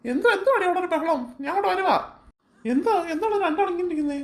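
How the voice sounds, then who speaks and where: A woman voicing a mild, soothing father in a cartoon, gentle and placating. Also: very high-pitched, animated, fast. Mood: puzzled.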